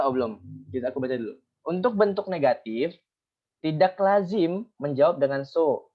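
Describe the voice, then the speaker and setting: A Japanese language teacher leading an online class, explaining grammar step by step with many fillers and prompting students with questions. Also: medium pitch. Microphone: video call microphone. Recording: muffled lo-fi video call audio.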